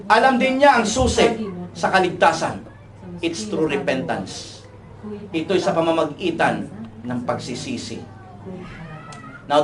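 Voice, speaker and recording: Male pastor, sermon, calls out to the congregation, roomy hall, crowd in the background. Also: sits high. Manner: preaching in mixed Tagalog and English, calling for replies. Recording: echoey hall, distant mic, audible congregation.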